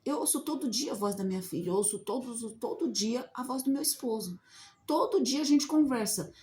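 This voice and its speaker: A woman's voice: a little high, lively intonation, fairly quick, a little mellow. A woman giving an informal Bible teaching, talking conversationally and asking many rhetorical questions. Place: outdoors in the sun.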